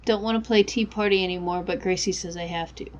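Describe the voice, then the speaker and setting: A woman's voice: fairly low pitch, steady tone, fast talker, lo-fi sound, close to an everyday voice. A woman voicing a naive, uneasy young country girl, reading her diary aloud in a game. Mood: sad, reluctant.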